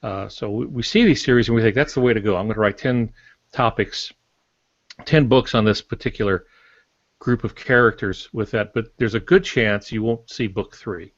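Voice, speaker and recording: An older novelist with a fairly low voice chats casually about writing on a podcast, telling anecdotes in a halting, matter-of-fact way. The audio is dry, somewhat dull and lo-fi, with no echo.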